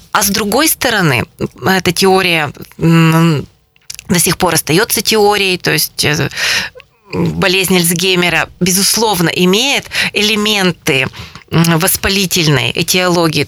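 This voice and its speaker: A woman's voice: fairly low pitch, fairly bright tone, no room sound. A woman guest in a radio studio, explaining medical matters as a specialist and often stopping to rephrase.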